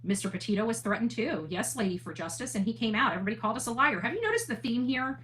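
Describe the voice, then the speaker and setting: Rapid-fire and expressive, a woman with a fairly high, fairly bright voice hosts a livestream against slight background noise. She talks casually and earnestly in a monologue, responding to chat and repeating and rewording her points for emphasis.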